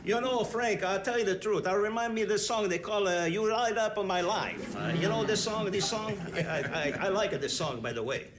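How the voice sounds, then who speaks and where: An actor playing a chatty Italian bandleader who rambles with many fillers and halting restarts, in an Italian accent. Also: male voice, sits high, crowd noise, lightly acted. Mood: rambling. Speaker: band leader.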